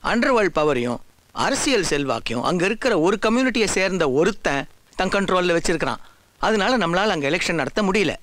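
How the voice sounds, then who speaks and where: A man's voice: high voice, animated, brisk, a bit bright, no echo. An actor playing a serious male official earnestly briefing his superior on a problem, in a film. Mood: explaining. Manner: earnest, explanatory.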